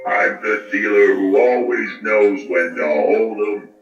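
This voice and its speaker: Talking yard decoration: a sinister skeleton card dealer, taunting and theatrical, dull speaker sound, heard from a distance. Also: male voice, slow pace. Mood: menacing, taunting. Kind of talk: talking Halloween yard decoration, scripted spooky monologue. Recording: dull boomy echoing toy speaker, music.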